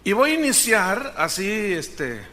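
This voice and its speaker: A man's voice: high-pitched, very animated, slow, sharp tone. A male pastor, preaching a sermon emphatically and asking the congregation rhetorical questions.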